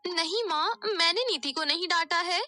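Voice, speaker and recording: A woman plays a gentle young stepdaughter from a storybook, speaking high and earnest, pleading her case. The tone is bright and clear. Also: moderate pace, no room sound, faint music behind, full character voice.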